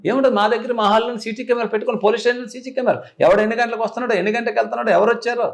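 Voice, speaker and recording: A middle-aged man, a police officer, talking earnestly in an interview and rising high in pitch when he stresses a point. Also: steady tone, very fast, gravelly. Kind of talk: casual interview talk.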